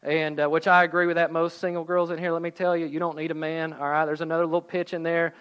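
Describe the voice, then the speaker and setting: A middle-aged man preaching a sermon, telling the story in a lively, joking way with asides, and reading scripture slower and softer. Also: a little high, smooth, lo-fi sound. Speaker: pastor.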